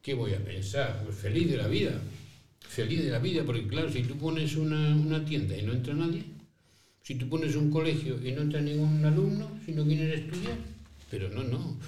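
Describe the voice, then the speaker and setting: A man's voice: fairly high pitch, animated, moderate pace, mellow, slight background noise, close to an everyday voice. A man playing an old male priest who founded schools for poor children, telling his story in first person with rhetorical questions and little acted-out dialogues. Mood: storytelling. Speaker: interviewee in character. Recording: roomy echo, voice from a distance.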